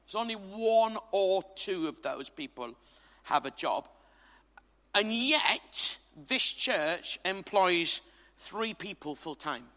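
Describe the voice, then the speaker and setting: A man's voice: high voice, lively intonation, takes it slowly, pushed and bright. A man from England preaching a sermon to a congregation, emphatic and jokey, with asides to the crowd. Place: church hall. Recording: reverberant hall.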